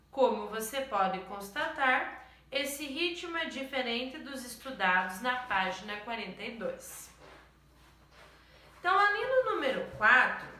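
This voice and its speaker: A woman teacher slowly going over exercises in a recorded lesson, stopping often to check that the students follow. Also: high-pitched, sharp tone, roomy sound, a little hiss or hum.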